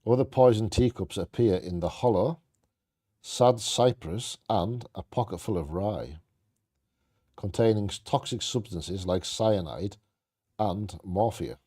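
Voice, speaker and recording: A man's voice: on the low side, unhurried, mellow, slightly rough. A man co-hosting a bingo game, reading scripted trivia aloud in a playfully theatrical storytelling way.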